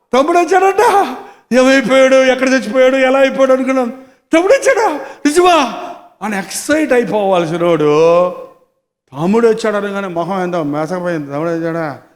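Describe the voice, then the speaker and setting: A man pastor preaches with animated storytelling and keeps throwing rhetorical questions at his listeners. His voice sits high for a man. A long reverb from the large hall hangs behind him. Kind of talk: Telugu sermon.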